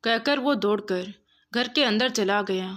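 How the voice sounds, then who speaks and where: A woman storyteller giving steady, expressive scripted narration of a moral story. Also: medium pitch, unhurried.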